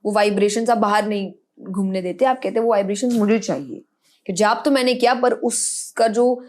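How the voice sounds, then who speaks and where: Young woman guest, spiritual speaker; calm, earnest explainer, mid pitch. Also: normal speed. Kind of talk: podcast interview answers.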